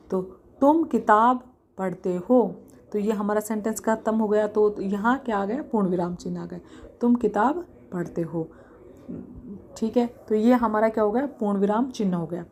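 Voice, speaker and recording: A young woman teaching a casual grammar lesson, often repeating examples slowly and asking herself questions as she explains. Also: mid-range voice, warm tone, a little hiss or hum.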